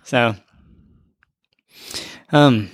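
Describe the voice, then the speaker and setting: A man's voice: medium pitch, very slow, no room sound, studio quality. A man co-hosting a podcast in casual chat, joking and laughing easily, also reading out a listener's letter. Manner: laughs often, relaxed and joking. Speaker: podcast co-host.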